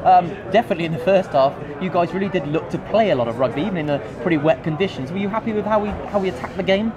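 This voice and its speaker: A man asks quick, leading questions for a club TV channel at a very fast clip and in a slightly high voice. A crowd murmurs clearly behind him at the ground. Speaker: club TV interviewer. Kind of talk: post-match interview questions. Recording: outdoor stadium with crowd noise.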